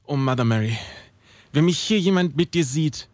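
A man's voice: a little high, lively intonation, moderate pace, a little mellow, dry recording, close to an everyday voice. A man playing an anxious, devout young soldier in an audio drama, with a hesitant, stammering delivery. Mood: wary, hesitant.

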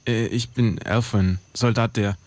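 A man's voice: on the low side, steady tone, a little slow, a little mellow, lightly acted. A man playing an anxious, devout young soldier in an audio drama, with a hesitant, stammering delivery. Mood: wary, hesitant.

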